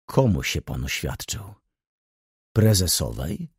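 A man's voice: a bass voice, sing-song, slow pace, creaky, husky, no room sound, studio quality, voice pushed down, full character voice. A man voicing a tired, brooding middle-aged merchant who answers briefly and reservedly.

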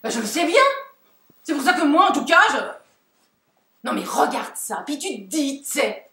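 A woman playing a self-absorbed, excitable young woman, insistent and self-important. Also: sits high, moderate pace, vocal fry, distant mic, full character voice. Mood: eager. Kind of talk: stage play acting. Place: theatre stage. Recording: echoey stage sound from afar, noisy.

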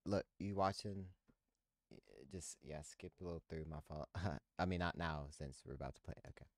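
A man's voice: deep voice, moderate pace, no room sound, studio quality. A man giving slangy, playful commentary while reacting to a video, with laughing asides.

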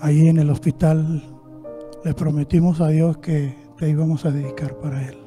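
Male pastor, fairly high voice, dramatic sermon storyteller, faint music behind. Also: level tone, moderate pace. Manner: dramatic storyteller, swings between hushed and loud. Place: church.

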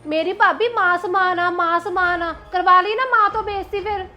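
A woman's voice: very high-pitched, steady tone, brisk, pushed and bright. A Punjabi-accented woman playing an outspoken young wife who argues back in a family drama. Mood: scolding. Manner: scolding, defiant. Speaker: younger sister-in-law.

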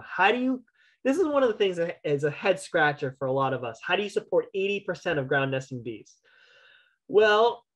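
A man's voice: sits high, lo-fi sound. A young adult man, a county entomologist, giving a casual online lecture on gardening over a video call, chatty and full of restarts and "right?" tags. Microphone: video call webcam.

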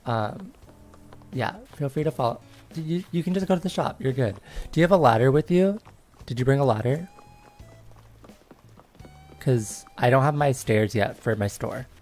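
A woman's voice: extremely low pitch, animated, moderate pace, long pauses, darkish tone, soft background music. A woman in her twenties chatting casually on a livestream while playing a game, bubbly and giggly with lots of little cheers. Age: 20s. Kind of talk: casual gameplay chat.

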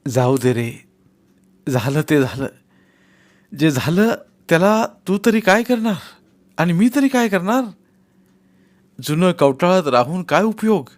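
A man's voice: high-pitched, sing-song, slow, long pauses, pitched above the performer's own voice, exaggerated voice. A man voicing a shrewd, persuasive male village politician who keeps pressing and teasing his friend in a read-aloud novel. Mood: coaxing, persuasive.

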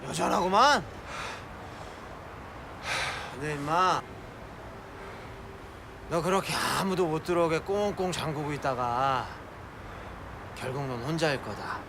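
Drunk young senior getting drunker, high voice, big pitch swings, clingy and bitter, slurred drama delivery, noisy location sound. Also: male voice, animated, unhurried, pauses often. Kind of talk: screen drama acting.

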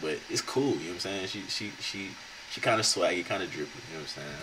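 A young man hosting a reaction video, giving blunt, slangy commentary with loud outbursts. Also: low-pitched, expressive, fast talker, noisy background. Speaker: reaction channel host.

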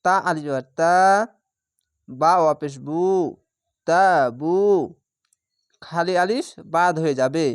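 A man teaching Quran reading who spells out each letter and vowel mark before slowly reciting the whole word. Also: a little high, clear, resonant tone, dry recording, clean studio sound. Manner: draws out recited words slowly.

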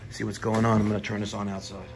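A man in his forties, a plumber with a New York accent, talking to viewers in an animated, hyped way while filming himself on a phone in a house basement. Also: on the low side, fast talker, music in the background. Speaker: plumber and heating technician. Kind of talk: on-the-job vlog narration. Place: house basement boiler room. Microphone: phone camera at arm's length.

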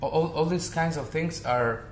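An Armenian singer and vocal coach in his thirties chats casually in an interview, full of fillers and restarts, from a bright living room with a large window. His slightly high voice moves at a normal pace, with reverb and a little hiss or hum.

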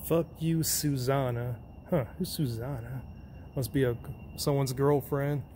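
A man's voice: medium pitch, fairly even intonation, a little slow, mellow, slight background noise. A man vlogging as he explores an abandoned hospital, muttering casually to himself and swearing now and then. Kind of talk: exploring narration to camera.

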